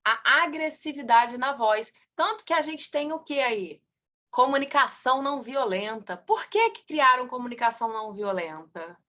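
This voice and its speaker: A woman teaching a class on family constellation, asking the students questions and answering them herself, her voice rising and falling in loudness and speed. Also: high voice, moderate pace. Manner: lively, swings in loudness and pace.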